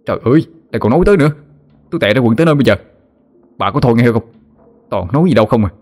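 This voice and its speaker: A man's voice: mid-range voice, quick pace, a little mellow, lightly acted. A man voicing a panicky young male student who stammers and yelps in fear. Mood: whining. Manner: stammering, yelping.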